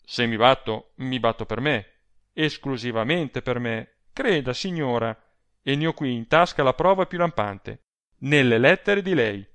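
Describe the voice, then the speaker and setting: A man reading the part of a proud gentleman who speaks in a measured, formal and resolute way. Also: medium pitch, animated. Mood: firm. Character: proud stiff gentleman, middle-aged. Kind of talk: audiobook character reading.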